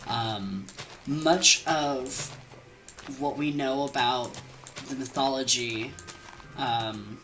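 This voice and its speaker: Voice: mid-range voice, drawn-out words, pauses often, over music, low-quality recording. A young adult game streamer and storyteller with a sniffly cold, rambling casually in a scatterbrained, self-deprecating and informal way. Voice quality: congested.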